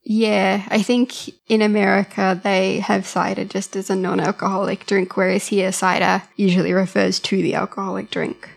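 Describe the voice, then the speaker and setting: A woman co-hosting a podcast, casually recounting a TV plot in a relaxed, agreeable way. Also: mid-range voice, normal speed, vocal fry, hardly any pauses. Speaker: podcast co-host. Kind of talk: casual chat recapping a TV show.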